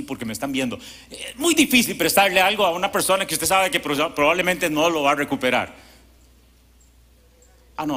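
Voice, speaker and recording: A male pastor, preaching a sermon at a church service as a lively storyteller who acts out quotes and asides. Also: mid-range voice.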